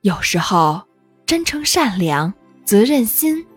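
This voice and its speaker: A woman narrating a children's story in a gentle, unhurried, expressive reading. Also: mid-range voice, breathy edge, soft background music.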